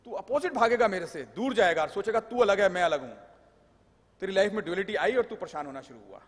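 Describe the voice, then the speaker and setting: A man's voice: sits high, animated, fast. A man giving a live lecture on tax law, explaining with jokes and anecdotes and mixing in English terms. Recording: long hall reverb.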